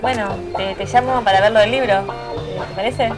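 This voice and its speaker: A woman's voice: a little high, steady tone, music in the background. A woman with a Rioplatense Spanish accent playing an outspoken, exasperated young actress. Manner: exasperated, outspoken, quick retorts. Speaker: struggling actress. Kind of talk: web series acting.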